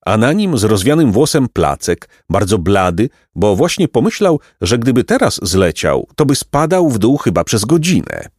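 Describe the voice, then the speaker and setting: A man narrating a children's storybook in an expressive, lyrical reading. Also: deep voice, dry recording, studio quality. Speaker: audiobook narrator.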